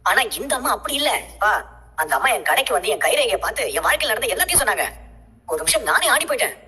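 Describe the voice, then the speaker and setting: A woman voicing a gullible young shopkeeper who insists the fortune-teller is genuine, with a husky voice. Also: on the high side, very animated, quick pace, bright, forceful tone, heavily acted. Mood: insistent. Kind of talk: dramatic serial dialogue retelling. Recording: long reverberant echo.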